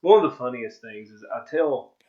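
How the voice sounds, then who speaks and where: A man's voice: mid-range voice, lively intonation, normal speed, warm tone. Casual male vlog host, dull lo-fi sound. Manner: rambling, informal storytelling. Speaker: video host. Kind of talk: casual commentary over own footage. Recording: dull, lo-fi microphone audio.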